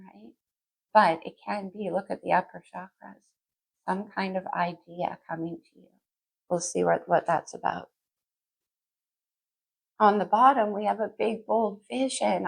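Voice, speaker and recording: A woman's voice: fairly low pitch, gravelly, slightly rough. A woman astrologer giving a casual tarot reading, musing aloud to the listener, her speech slightly muffled. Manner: conversational, musing aloud, addressing the listener directly.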